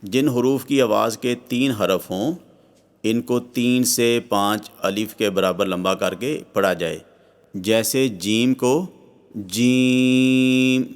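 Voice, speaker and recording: A man with a Pakistani Urdu accent narrating a scripted lesson on Quran reading, drawing out each Arabic letter slowly and evenly. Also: lowish voice. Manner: slow drawn-out recitation of Arabic letters.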